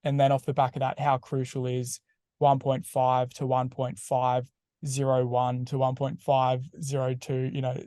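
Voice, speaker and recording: A young man interviews a guest in a steady, flat delivery. His voice is mellow, smooth and resonant, recorded dry and close, and his questions wander casually with hedges. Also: medium pitch, moderate pace, no room sound. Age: young adult.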